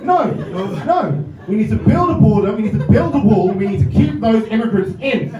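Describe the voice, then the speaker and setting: A young man from England does a stand-up set full of dry, self-mocking asides, his high-pitched voice swinging widely in pitch at a normal speed. He's captured from a distance in a comedy club, so the sound is roomy and slightly dull. Music plays under him, with a crowd and audience laughter in the background.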